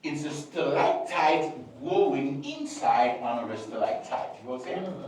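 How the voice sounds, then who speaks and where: A man's voice: fairly high pitch, huge pitch swings, normal speed, darkish tone, slight background noise. A man guiding a tour inside a limestone cave, chatting and joking with the group, his voice carrying a cave echo. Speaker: tour guide. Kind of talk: guided cave tour talk. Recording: echoey cave, voice from a distance.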